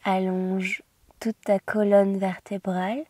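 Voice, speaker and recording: A woman yoga teacher guiding a class in a soothing, gentle, slow manner, with a soft, breathy voice that often nears a whisper. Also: medium pitch, flat delivery. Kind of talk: guided yoga instruction.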